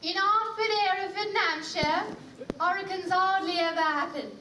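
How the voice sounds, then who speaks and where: A young woman playing a stubborn flower girl in a stage musical. She sings and speaks slowly, with halting lines. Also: very high voice, sharp tone, a little hiss or hum, exaggerated voice. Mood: struggling. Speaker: student actor. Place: school theatre stage. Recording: echoey hall from far off, faint music.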